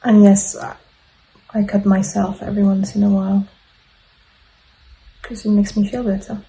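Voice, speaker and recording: An actress playing a grieving mother who makes a halting confession in a dramatic monologue. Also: mid-range voice, level tone, warm tone, close to an everyday voice, poor audio. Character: grieving mother haunted by her lost child. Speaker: actor in a showreel scene.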